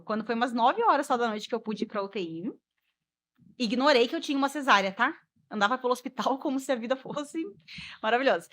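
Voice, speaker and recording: Fast-talking woman telling her story. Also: high-pitched. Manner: expressive, laughs while telling, re-enacts dialogue. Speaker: guest mother sharing her story. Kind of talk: emotional personal storytelling.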